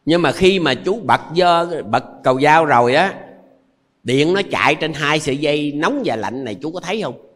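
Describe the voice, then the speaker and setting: Elderly Southern Vietnamese monk giving a folksy sermon. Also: male voice, on the high side, expressive, normal speed, fairly bright tone. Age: 80s. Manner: folksy, repetitive, explains with everyday examples. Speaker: Buddhist monk. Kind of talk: dharma talk to lay followers.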